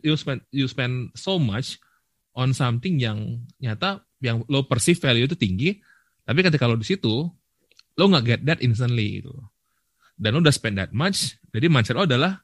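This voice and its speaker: A man's voice: mid-range voice, moderate pace, dry recording. Young male co-host, laid-back and rambling, close dry mic. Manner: relaxed, rambling, mixes English phrases into slangy talk. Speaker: podcast co-host. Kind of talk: casual chat.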